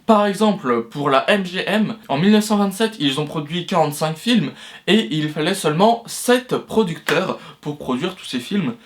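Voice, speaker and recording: A man's voice: on the high side, animated, moderate pace. A young man hosting an educational video on film history, talking loosely with many fillers and restarts. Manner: loose, hesitant delivery full of fillers and restarts. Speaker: history of cinema video host. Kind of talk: casual educational talk.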